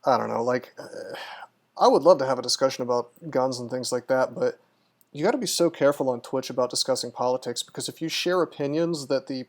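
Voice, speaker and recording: A man's voice: mid-range voice, a little fast. Casual, musing male game streamer. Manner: casual, musing, lots of ums and restarts. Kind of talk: live-stream gameplay commentary.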